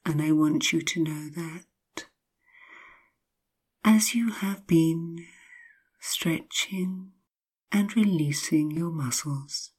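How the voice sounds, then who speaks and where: A woman with a low, breathy voice narrates sleep hypnosis in the manner of a sleep story. Her delivery is extremely slow, with long pauses and drawn-out repeated phrases. She stays hushed and soothing, often sinking into a whisper.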